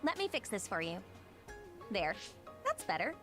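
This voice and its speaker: A woman's voice: mid-range voice, big pitch swings, normal speed, over music, natural voice. An actress voicing a cheerful, affectionate young woman who dotes on her older sister in a video game. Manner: bright, bubbly and affectionate.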